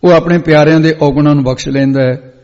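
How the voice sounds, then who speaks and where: A man giving a Sikh katha sermon, telling a story and chanting scripture lines slowly before explaining them. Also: a little high, fairly even intonation, darkish tone. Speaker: Sikh preacher. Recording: echoey hall, dull lo-fi sound.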